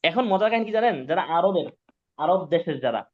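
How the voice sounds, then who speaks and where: Animated and quick, with a voice that sits high, a male teacher gives a live online lesson on Quran pronunciation. He stays patient, repeats often, and checks frequently whether students are following, in a dull, low-fidelity recording.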